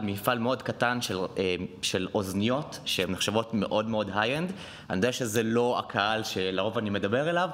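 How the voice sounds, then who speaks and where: Man, host, very fast talker, lowish pitch, hesitant restarts. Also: a bit bright. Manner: rapid, hesitant, restarts often. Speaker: YouTube host, interviewer. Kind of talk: casual interview.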